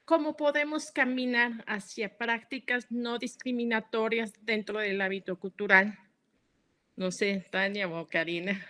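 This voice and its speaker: A woman's voice: fairly high pitch, steady tone, a little slow, sharp tone. A woman speaking as a panelist, earnest and affirming. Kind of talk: online panel discussion.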